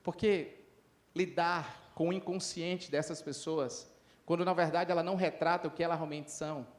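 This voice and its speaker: A middle-aged man giving a lively conference talk, telling stories and acting out the people in them. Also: fairly high pitch, normal speed. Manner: lively, acts out dialogue in different voices. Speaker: lecturer at a conference.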